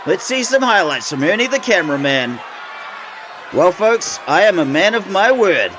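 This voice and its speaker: A man's voice: high voice, very animated, brisk, crowd noise, background noise. A man calling wrestling play-by-play as the show's commentator and host, sardonic and opinionated, with mock-grumpy asides. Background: music.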